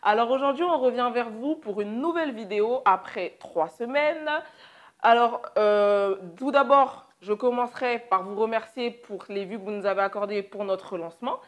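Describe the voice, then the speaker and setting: A young woman from France co-hosting a casual question-and-answer chat with her father, leading the questions in a lively way. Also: a little high, moderate pace. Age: young adult. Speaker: co-host.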